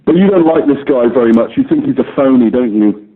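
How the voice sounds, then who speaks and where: A man's voice: mid-range voice, expressive, brisk. Journalist, male, over a phone line. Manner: wordy, persistent. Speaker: sports journalist. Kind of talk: press conference call questioning. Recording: narrow telephone line.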